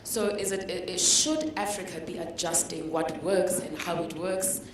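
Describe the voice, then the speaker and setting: Low-voiced woman in an echoey hall. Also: fairly even intonation, normal speed. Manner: thoughtful, restarting phrases, weighing options. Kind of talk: question in a panel discussion. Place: conference hall. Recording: echoey hall from far off, clear background noise.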